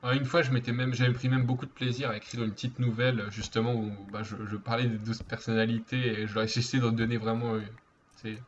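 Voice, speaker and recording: A man's voice: mid-range voice, little pitch movement, quick pace. Guy streaming a game, jokey and rambly, kinda dull lo-fi sound w faint hiss. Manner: joking, rambling, playful. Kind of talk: casual gaming chat.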